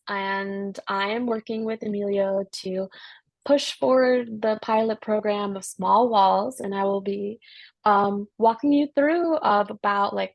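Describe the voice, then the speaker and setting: A woman's voice: mid-range voice, creaky, no echo, lo-fi sound. A woman, a project manager, presenting a program over a video call in an easygoing way with many fillers.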